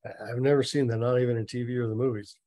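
Sarcastic guy picking apart a bad story, dry deadpan asides, no room sound at all. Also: mid-range voice, racing, no room sound. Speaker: reader mocking a story. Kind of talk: sarcastic dramatic reading with commentary.

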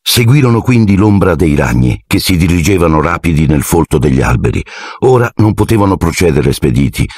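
A man narrating an audiobook in an expressive storytelling manner. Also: sits low, dry recording, clean studio sound. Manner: expressive storytelling, shifting into character voices. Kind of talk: scripted narration.

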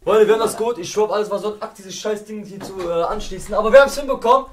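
A man's voice: high voice, racing. A young man streaming a football video game, nervous and complaining, swearing at his friend and the match. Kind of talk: casual gaming stream banter.

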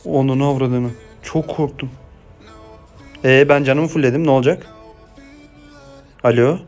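A young man commentating his own mobile game match, chatty in his asides and excitable in the play-by-play. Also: mid-range voice, normal speed, faint music behind. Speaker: gameplay streamer. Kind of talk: live gameplay commentary.

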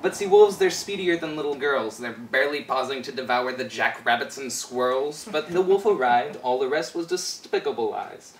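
This storyteller, a man in his twenties, delivers a spoken-word fairy tale in rhyme, playful and rhythmic, using a mid-range voice at a moderate pace and barely pausing. He performs in a small, bare indoor space. Because the camera microphone sits far away, the recording sounds roomy and distant, with noise in the background.

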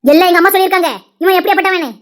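A sharp-tongued young wife from a cartoon, taunting and picking fights in a Tirunelveli Tamil accent, as a woman acts her out. Her voice is very high and shrill, and she fires off her words at a breakneck pace. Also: fairly even intonation, rapid-fire. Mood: quarrelsome. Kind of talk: cartoon dialogue acting.

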